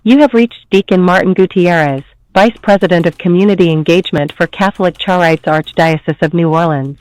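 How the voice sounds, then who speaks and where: Middle-aged deacon, high-pitched, dry and formal, played back over a landline phone. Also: male voice, a little fast, dry recording, low-quality recording. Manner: formal, rehearsed. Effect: heard over a landline phone. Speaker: church deacon and charity executive. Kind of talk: recorded voicemail greeting.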